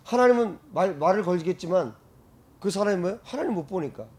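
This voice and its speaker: 활기찬 남자 목사의 설교. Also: male voice, sits high, quick pace, slightly rough. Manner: animated, shouts out exclamations and laughs often. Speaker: pastor. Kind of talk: sermon.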